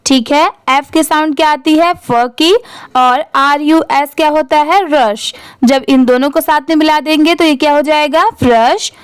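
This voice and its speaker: A woman's voice: sits high, a little slow, dry recording. A young woman teaching reading, spelling words out letter by letter and answering her own questions.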